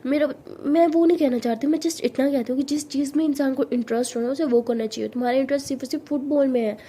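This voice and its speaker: High, mellow voice; a woman plays a blunt, bossy college girl who teases her friends, storybook reading. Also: steady tone, natural voice. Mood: teasing. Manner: bossy, teasing, talks down fast.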